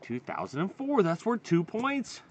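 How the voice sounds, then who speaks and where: Hosting a casual family coin search at an outdoor campsite table, this coin hobbyist keeps score and explains each find in an encouraging tone. His high voice swings hugely in pitch at a measured pace, and the recording has its highs cut off plus slight background noise.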